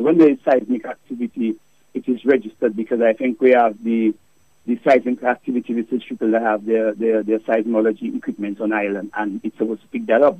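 A man's voice: mid-range voice, no room sound. A man leaving a recorded voice message for a radio show, delivering a rambling, preachy religious monologue with fervent emphasis. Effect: recorded voice message played on air. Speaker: listener sending a voice note to a radio show. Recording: dull lo-fi dry voice memo.

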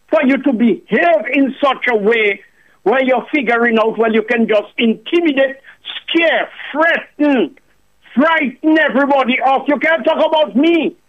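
A man calling in to a radio show, preaching and firing off rhetorical questions. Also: very high-pitched. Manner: preachy, repeats the host's name, rhetorical questions. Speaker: caller. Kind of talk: impassioned call-in rant. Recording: muffled phone line.

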